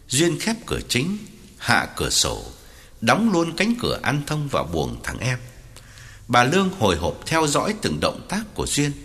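A man narrating an audiobook in scripted narration with an expressive delivery. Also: medium pitch.

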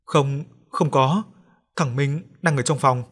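A man's voice: medium pitch, fast talker, slightly rough, lightly acted. A man voicing a frightened old grandmother in a ghost story, stammering and tearful.

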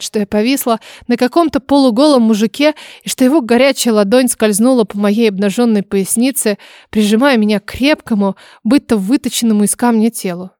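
Expressive woman reading an audiobook. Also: a little high, no room sound, clean studio sound. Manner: expressive, dramatic storytelling. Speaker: audiobook narrator. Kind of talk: first-person scripted narration.

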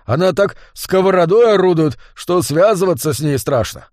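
A man voicing a drunk, bearded male tavern keeper who talks loudly and rambles, in a dry recording. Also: high voice, lively intonation, moderate pace, dry recording, pitched above the performer's own voice. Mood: complaining. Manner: tipsy, loud and rambling. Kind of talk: audiobook character voice.

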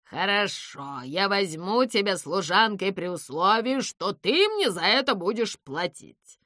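A woman voicing a grumpy, quick-tempered female owl who talks in loud, exasperated outbursts. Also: mid-range voice, lively intonation, no room sound, clean studio sound.

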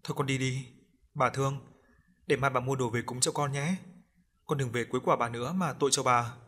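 A man voicing a devout grandmother who coaxes gently and speaks politely. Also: mid-range voice, brisk, breathy edge. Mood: soothing. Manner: soft coaxing, polite.

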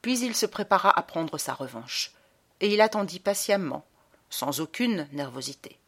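A woman narrating a literary audiobook with dramatic, expressive reading and slowed emphasis. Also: on the low side.

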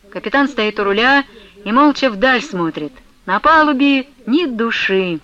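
A woman reading a classic novel aloud as an audiobook, in even, expressive storytelling narration. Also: mid-range voice. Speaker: audiobook reader. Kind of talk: scripted literary narration. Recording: slightly dull lo-fi audio.

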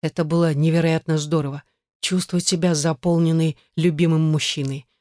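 Reading a scripted audiobook passage, a man narrates steadily and evenly at a fairly quick pace. His voice is a little high for a man, and the recording is dry and close, with no room sound or echo.

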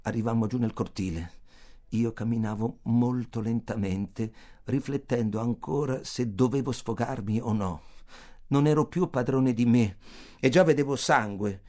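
A man narrating a literary novel as an audiobook, reading expressively and theatrically and sinking to a hushed murmur in darker passages. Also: medium pitch, a little slow. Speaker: audiobook reader.

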